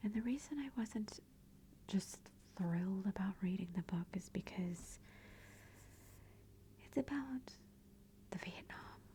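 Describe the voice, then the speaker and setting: A woman speaking softly in a hushed, breathy near-whisper, gently and unhurriedly giving an ASMR book review. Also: mid-range voice, slow, pauses often, a little hiss or hum.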